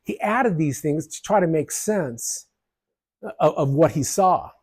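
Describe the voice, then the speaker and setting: A man presenting an illustrated history lesson, explaining in a lively, jokey way with casual asides. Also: fairly high pitch, measured pace, breathy edge. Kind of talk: narrated history lesson over slides.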